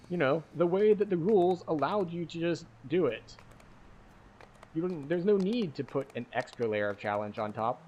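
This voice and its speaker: A man's voice: mid-range voice, a little mellow, muffled recording, a little hiss or hum. A man giving casual gaming commentary and chatting with viewers in a rambling, wry, self-deprecating way. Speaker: game streamer.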